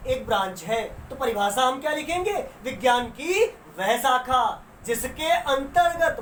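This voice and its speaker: This is a classroom science lesson from a woman whose pitch is fairly high. She quizzes her students, supplies the answers herself and stretches out key terms. Recorded away from the microphone, the audio is roomy with faint background noise.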